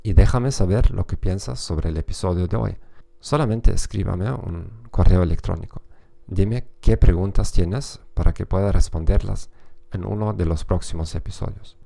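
Male podcast host, native German with German accent, very low gravelly voice, careful scripted delivery. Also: normal speed, mellow.

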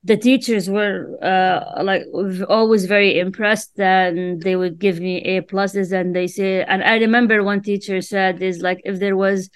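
A woman's voice: medium pitch, level tone, measured pace, hardly any pauses, smooth, dry recording. Woman from jordan, arabic first language, talks in stops and starts with lots of ums, dry sound. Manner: hesitant, many fillers and restarts. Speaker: author and writer, interview guest. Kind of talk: casual interview answers.

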